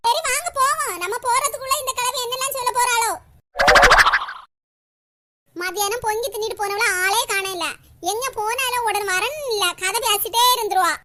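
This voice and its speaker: Woman putting on squeaky cartoon village gossips, very high voice, quarrelsome, noisy recording. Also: moderate pace. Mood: grumbling. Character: gossiping village women and old grannies. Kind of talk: homemade cartoon voice acting.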